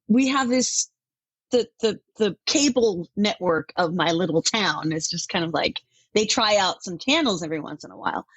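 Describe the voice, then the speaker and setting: Middle-aged woman from Denmark, husky mid voice, dry close recording, lively interview guest. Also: fairly high pitch, dry recording, lo-fi sound. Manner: chatty and animated, laughs often. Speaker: country music artist, guest. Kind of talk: casual interview talk.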